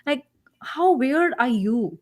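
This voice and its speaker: Animated, sarcastic woman with an Indian accent. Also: sits high, slow pace. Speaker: guest career coach. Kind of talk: casual panel chat.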